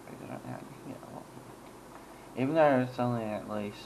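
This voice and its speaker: A man's voice: mid-range voice, moderate pace, darkish tone, slight background noise, low-quality recording. A man giving casual, rambling gameplay commentary, chuckling and making self-deprecating asides as he goes. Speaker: gaming channel host.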